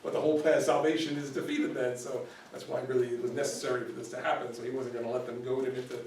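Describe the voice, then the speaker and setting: A man teaches an informal Bible study in a casual, conversational manner. He stumbles over and repeats words and keeps checking in with "right?" His voice sits at an ordinary pitch and is captured from across a strongly echoing church room. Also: steady tone, fast talker, darkish tone, a little hiss or hum. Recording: roomy echo, recorded from far off.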